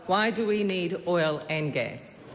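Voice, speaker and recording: A woman's voice: on the low side, animated, takes it slowly, a crowd in the background. New woman questioning in echoing parliament. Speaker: member of parliament asking questions. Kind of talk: parliament speech, scripted questions. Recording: echoey chamber, noticeable background noise.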